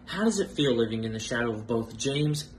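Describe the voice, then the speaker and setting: Animated man teasing over a noisy recording. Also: medium pitch, brisk. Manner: mocking, playful. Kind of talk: casual video message, teasing roast.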